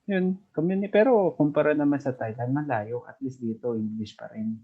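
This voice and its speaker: A man from the Philippines tells his stories slowly and easily, as a podcast guest. His voice sits at an ordinary middle pitch. The remote call audio sounds dull and lo-fi. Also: slightly rough. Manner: unhurried, easygoing storytelling. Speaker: guest, overseas worker. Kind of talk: casual chat.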